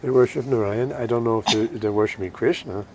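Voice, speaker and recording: A man giving an informal devotional lecture as a religious teacher, short of breath and halting, with restarts. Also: medium pitch, a little hiss or hum, rough recording.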